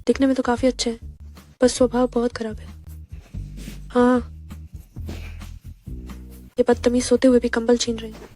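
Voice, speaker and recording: A woman's voice: a little high, little pitch movement, moderate pace, long pauses, warm tone, soft background music, lightly acted. An actress dubbing a feisty young female secretary who is defiant and easily flustered. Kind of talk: dubbed drama dialogue.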